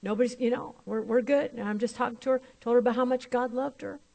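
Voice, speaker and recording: Woman minister, sermon testimony, lively retelling of a conversation. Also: a little high, fast talker, gravelly. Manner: storytelling, acting out both sides of conversations.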